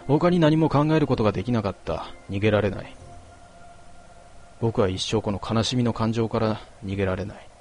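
Low-voiced man narrating a story. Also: fairly quick, darkish tone, soft background music. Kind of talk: first-person story narration.

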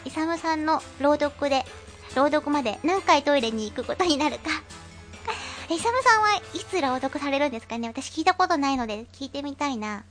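A woman with a high, cute voice hosting an internet radio show, chatting casually and reading out listener comments with giggles and fillers. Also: expressive, normal speed, fairly bright tone. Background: faint background music.

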